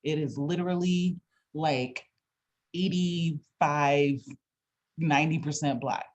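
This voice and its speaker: Lower-pitched woman, deliberate and reflective. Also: steady tone, darkish tone, muffled recording. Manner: deliberate, halting, reflective explaining. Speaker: interviewer. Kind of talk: conversational interview.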